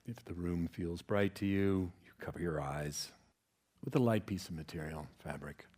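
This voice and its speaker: With a low-pitched voice, a man acting as a yoga nidra teacher takes listeners through a relaxation meditation, unhurried and gentle, pausing often.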